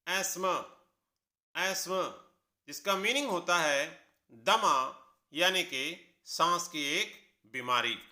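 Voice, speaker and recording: A man, teaching pronunciation at an unhurried pace. His voice is high and very bright. He spells each word out one letter at a time, then repeats the correct pronunciation twice. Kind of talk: slow, deliberate classroom explanation.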